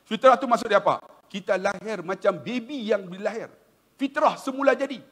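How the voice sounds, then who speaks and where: A middle-aged Malaysian-accented man delivers a lively religious lecture in a high, expressive voice, a little fast, joking and repeatedly addressing his audience directly. His voice echoes through a large hall, a long reverb trailing each phrase.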